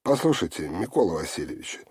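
A man's voice: sits low, very animated, brisk, darkish tone, slightly rough, no room sound, studio quality, full character voice. A man voicing a pushy, confident male investigator who talks in an insistent, lecturing way. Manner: insistent, self-assured, lecturing.

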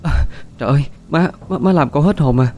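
A man's voice: fairly high pitch, fast, a little mellow, a little hiss or hum, voice pushed up, lightly acted. Man putting on a timid, pleading young wife. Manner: pleading, flustered, stammering. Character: timid anxious young woman, daughter-in-law.

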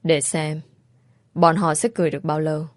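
A woman's voice: low voice, little pitch movement, brisk, no echo, close to an everyday voice. A woman voicing a self-assured young man who teases the heroine. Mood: teasing.

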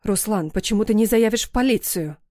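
A woman's voice: mid-range voice, brisk, no echo, studio quality, natural voice. A woman voicing an indignant, exasperated mother with a sarcastic, snappy way of talking. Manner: sharp, snorting, sarcastic.

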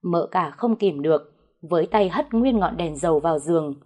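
A woman's voice: on the low side, expressive, moderate pace, darkish tone. A woman narrating a first-person family drama story, dramatic with sly asides.

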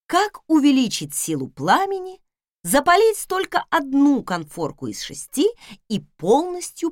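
A woman narrating a first-person fantasy audiobook in a lively, ironic storytelling manner. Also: on the high side, no echo, clean studio sound. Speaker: audiobook reader.

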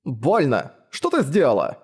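Man voicing a sullen young man, gruff, defensive, audiobook. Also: medium pitch, huge pitch swings, a little slow, a little mellow, exaggerated voice. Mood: grumpy.

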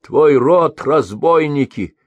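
A shrill, whining old blind merchant, greedy and wheedling, as a male storyteller puts him on. The voice sits far above the reader's own low register and sounds dry and close. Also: expressive, slow, no room sound, lo-fi sound. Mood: threatening.

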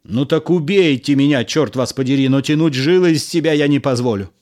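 A man's voice: a little high, brisk, a little mellow, close to an everyday voice. A male reader playing a sullen lover caught out, muttering darkly and then bursting into theatrical demands. The voice stays close to the reader's own. It is a spoken storybook reading. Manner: gloomy, muttering, then dramatic outbursts. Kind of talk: audiobook character reading.

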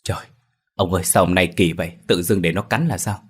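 A man with a deep voice voicing a sharp-tongued middle-aged wife who nags her husband in quick bursts. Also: slightly rough. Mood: worried. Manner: shrill, nagging, hurried.

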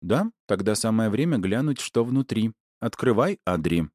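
A man reading an audiobook, voicing a warm, gentle middle-aged mother who speaks softly. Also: on the low side, big pitch swings, moderate pace, no room sound, clean studio sound, pitched above the performer's own voice. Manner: soft, kindly.

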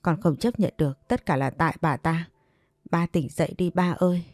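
A woman's voice: fairly low pitch, moderate pace, darkish tone, no echo, clean studio sound, faint music behind, lightly acted. A woman voicing a grief-stricken young woman who cries out and pleads after losing her father. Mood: grieving.

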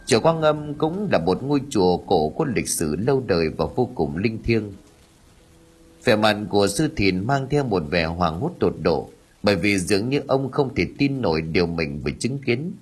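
A man's voice: lowish voice, sing-song, moderate pace, breathy edge, soft background music. A man narrating an audiobook, telling the tale in a dramatic storytelling manner. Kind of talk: scripted narration.

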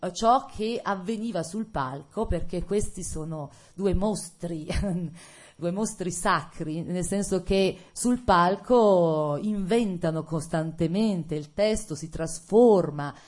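A middle-aged woman from Italy, an actress, recounts her path in a lowish voice. She hesitates, fills pauses, and laughs often while talking casually to students in a lecture hall. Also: a little mellow. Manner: hesitant, laughing storytelling with many fillers. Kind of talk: casual autobiographical talk to students.

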